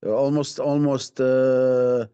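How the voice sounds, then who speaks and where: Speaking in a live online Q&A from a video call, the Palestinian activist from the West Bank, who heads a community rights organisation, hesitates and repeats words in Arabic-accented English. His voice is medium-pitched, dark, level and clean, with no room sound, though the stream itself is dull and lo-fi.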